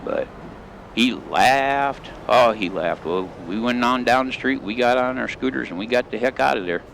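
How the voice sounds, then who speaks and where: A man's voice: mid-range voice, normal speed, vocal fry, a bit bright, slight background noise. A middle-aged man hosting a gaming video, telling old stories in a folksy, rambling drawl with country grammar while driving in the game. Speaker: gaming channel host.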